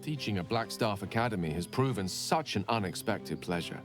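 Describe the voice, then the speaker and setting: A man's voice: on the low side, lively intonation, moderate pace, lightly acted. A man playing Gale, the eloquent wizard-scholar. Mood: tender. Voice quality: articulate, gently wry. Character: Gale, male wizard turned academic, warm, eloquent. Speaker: game character. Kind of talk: video game voice acting. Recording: game audio with clear music behind. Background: music.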